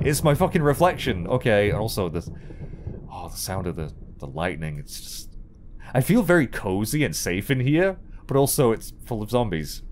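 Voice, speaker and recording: A man's voice: fairly low pitch, slight background noise. A man in his thirties giving casual, jokey, sweary let's play commentary, thinking aloud as he goes. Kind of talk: casual horror game commentary.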